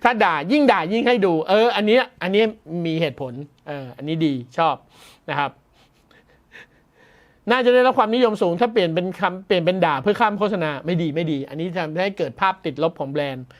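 A man's voice: sits high, expressive, a little fast. A man hosting a tech news show, commenting in a chatty, amused way and laughing often as he reacts to the story.

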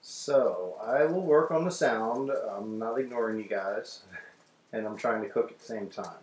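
A man's voice: fairly low pitch, unhurried, a little mellow, recorded from a distance. A man chatting casually with viewers while he cooks on a livestream, his voice ringing with an echoey, cave-like sound. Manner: chatty, talks to viewers while fiddling with audio settings. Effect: echoey, cave-like room sound. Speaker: livestream host cooking breakfast. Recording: roomy echo, off-mic, faint noise.

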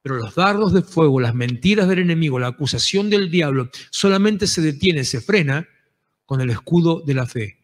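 Pastor, Rioplatense man, fiery sermon delivery; high, bright voice in a reverberant church hall. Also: expressive, normal speed. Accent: Rioplatense Spanish. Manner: impassioned preaching, rising to shouted exhortations.

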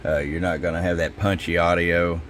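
A man's voice: low voice, moderate pace, a little hiss or hum. A man who runs a CB radio shop, talking casually through a radio test at his workbench. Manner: relaxed, folksy, repeats "hello" into the mic while testing. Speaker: CB radio shop owner and technician. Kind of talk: casual workshop demo talk. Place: radio repair workbench indoors.

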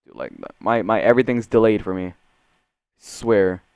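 A young man doing casual, profane video game commentary in slangy gamer bro talk, swinging between muttering and excitement. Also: on the low side, normal speed, clean tone, no echo, highs cut off. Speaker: gaming video creator.

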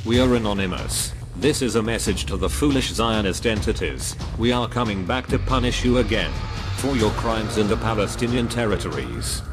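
Disguised deep guy voice, slow cold threats, low pitch, music blasting under it. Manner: cold, measured, menacing delivery. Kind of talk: scripted threatening statement. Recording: loud music bed under voice.

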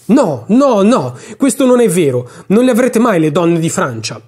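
A man's voice: extremely high pitch, lively intonation, brisk, darkish tone, pitched above the performer's own voice. A man voicing a defiant, indignant young woman who answers back vehemently, in a storybook reading.

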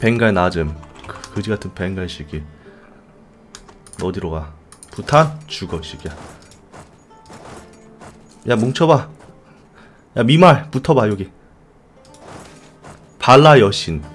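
A man commentating his own strategy game, pleading and shouting at his allies and muttering curses under his breath. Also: on the low side, animated, takes it slowly, pauses often, soft background music. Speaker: game streamer. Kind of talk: gaming commentary.

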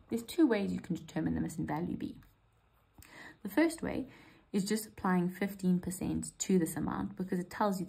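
A woman's voice: fairly low pitch, creaky, darkish tone, husky, rough recording. A woman, walking students through an exam paper step by step in a patient, reassuring way. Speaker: maths literacy teacher.

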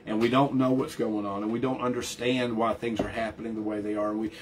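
A man's voice: on the low side, level tone, a little fast, noisy background. A man preaching a sermon as pastor, earnest and emphatic, often restarting and repeating words as he builds a point.

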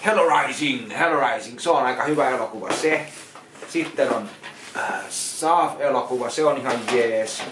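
Halting man sorting films, echoey room. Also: medium pitch. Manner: halting, repeats words and restarts, plain verdicts. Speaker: vlogger unboxing donated films. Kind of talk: casual vlog commentary. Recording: echoey room with loud noise.

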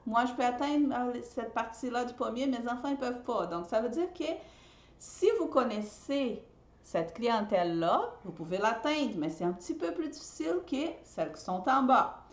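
A woman's voice: on the high side, animated, moderate pace. A woman hosts a live teaching talk, and her voice swings widely up and down as she explains. She restarts words, repeats herself and keeps asking her listeners if they follow. The sound carries the echo of a hard room. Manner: checks in with listeners often. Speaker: host and trainer.

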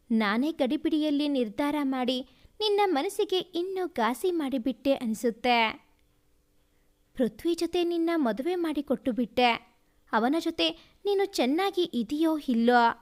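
A woman voicing a worried middle-aged father who pleads gently with his daughter. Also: sits high, lively intonation, a little slow. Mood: regretful.

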